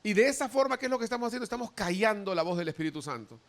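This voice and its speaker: A male pastor preaching a sermon, animated, acting out quoted voices as he goes. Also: high voice, very fast.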